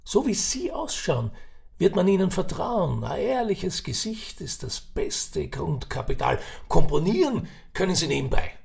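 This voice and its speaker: A man's voice: high-pitched, big pitch swings, a little slow, creaky, a little mellow, voice pushed up, exaggerated voice. A man voicing an older, chatty and scheming businessman in an audiobook reading. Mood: persuasive. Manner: persuasive, wheedling, talkative.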